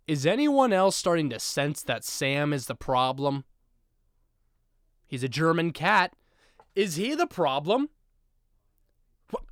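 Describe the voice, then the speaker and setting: A man hosting a podcast, telling animal stories in an animated, jokey monologue full of exaggerated asides. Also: a little high, smooth, no echo, clean studio sound. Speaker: podcast host. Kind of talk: comedic storytelling monologue.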